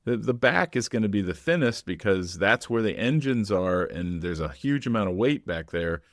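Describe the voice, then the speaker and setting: A man co-hosting a podcast, explaining practical details of a film in a relaxed, matter-of-fact way. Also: lowish voice, normal speed, no room sound, studio quality. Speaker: podcast co-host. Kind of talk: casual film discussion.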